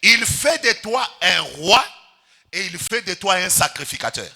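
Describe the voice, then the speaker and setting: High, lively Congolese pastor preaching. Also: male voice, vocal fry. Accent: Congolese French. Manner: preaching with emphatic drawn-out words and call-and-response to the congregation. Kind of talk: sermon. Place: church.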